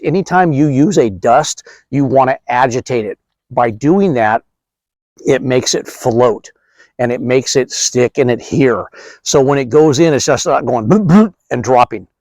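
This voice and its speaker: A man's voice: fairly high pitch, darkish tone, no room sound. Chatty man demoing pest control. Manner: chatty, joking, direct to the viewer. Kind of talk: casual how-to demonstration.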